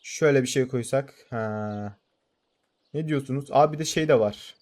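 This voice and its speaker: A man hosting a gaming channel, giving casual, excitable commentary as he plays and talks to his viewers. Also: medium pitch, moderate pace.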